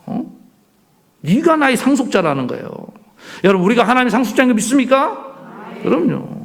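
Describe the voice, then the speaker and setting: A male pastor preaching a sermon in a church, animated, asking the congregation rhetorical questions. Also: high voice, creaky. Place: church sanctuary.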